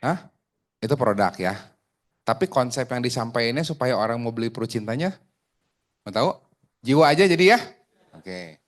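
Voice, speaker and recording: Joking insurance sales trainer. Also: male voice, medium pitch, expressive, normal speed, pauses often. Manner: joking, chatty, asks the room questions. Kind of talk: casual training talk to a group.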